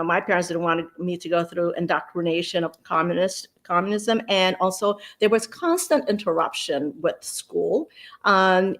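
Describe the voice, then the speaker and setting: A woman, telling her story at a measured pace as an interview guest. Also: fairly low pitch, a bit bright. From Ethiopia. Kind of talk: interview conversation.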